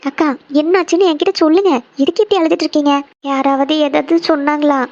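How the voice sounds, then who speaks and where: A woman's voice: high voice, fast, darkish tone. [name], a woman voicing a fretful cartoon little sister. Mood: concerned. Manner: anxious, keeps pressing with questions. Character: caring younger sister, young office worker. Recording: dull lo-fi sound.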